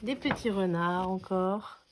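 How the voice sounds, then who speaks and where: A woman's voice: mid-range voice, unhurried. A woman chatting casually as she unboxes scrapbooking paper, enthusiastic and full of fillers. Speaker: scrapbooking vlogger. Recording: noisy room with paper crinkling.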